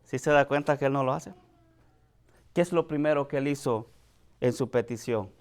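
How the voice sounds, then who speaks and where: A man's voice: mid-range voice, moderate pace, clear, resonant tone. Impassioned man preaching a sermon. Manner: addresses the congregation directly as brother.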